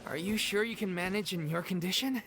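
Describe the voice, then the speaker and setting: A woman's voice: medium pitch, brisk, a bit bright, soft background music, natural voice. An actress playing an earnest, caring young woman companion in a studio game.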